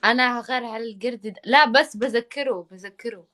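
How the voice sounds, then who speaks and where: A woman's voice: on the high side, fast talker, fairly bright tone. A woman in casual live stream banter, blunt and teasing.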